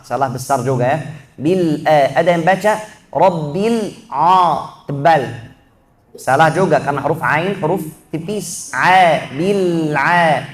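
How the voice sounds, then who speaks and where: High-voiced man teaching recitation. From Egypt. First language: Arabic. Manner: drills sounds slowly, contrasting wrong and right, chanted recitation examples. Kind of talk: Quran recitation lesson. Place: mosque.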